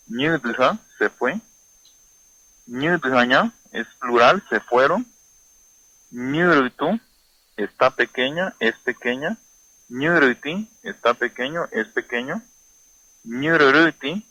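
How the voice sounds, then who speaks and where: Slow, bright-voiced male language teacher. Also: medium pitch, no echo, poor audio. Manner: slow, repeating words to drill pronunciation. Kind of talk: vocabulary lesson.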